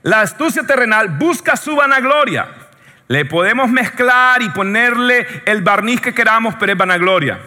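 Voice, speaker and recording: A Latin American man preaches with a very high, piercingly bright voice. He tells jokey stories and keeps checking in with his congregation. His voice rings out in a long hall reverb. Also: moderate pace. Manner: joking, animated storytelling, often asks the audience "yes or no". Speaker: pastor. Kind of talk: sermon.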